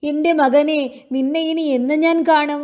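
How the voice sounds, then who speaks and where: A woman's voice: high-pitched, steady tone, unhurried, darkish tone. Woman voicing a wailing grieving older mother. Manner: wailing, lamenting cries.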